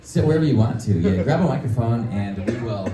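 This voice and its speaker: A man's voice: medium pitch, animated, fast talker. A man moderating a convention panel, upbeat and hyping the crowd, recorded from far off in a noisy, echoey hall.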